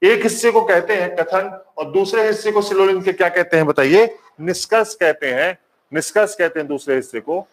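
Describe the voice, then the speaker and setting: A man with a fairly high voice teaches a live online class. He says each point more than once and keeps asking the viewers to answer back. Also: a little fast. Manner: repeats points and quizzes the class; warm greetings to viewers. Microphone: marker on whiteboard.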